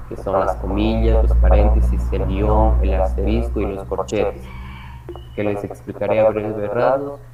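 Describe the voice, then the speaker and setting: A man teaching a reading workshop lesson on punctuation, explaining step by step and slowing down for examples. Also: on the low side. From Ecuador. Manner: explanatory, slows for examples, frequent restarts. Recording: echoey room, distant mic, dull sound, crowd.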